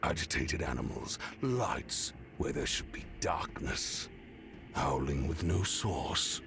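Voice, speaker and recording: An actor playing a stern, menacing ruler in a video game, with a low gravelly growl and a commanding, formal manner. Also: male voice, sing-song, slow, full character voice. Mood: stern suspicion. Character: stern, menacing male sovereign giving orders. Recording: game music behind the voice.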